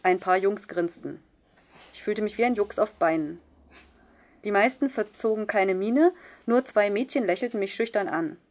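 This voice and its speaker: A woman reads a first-person novel aloud with a voice at middle pitch. Her delivery is measured and subdued. It suits a plain audiobook narration. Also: darkish tone. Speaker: audiobook reader.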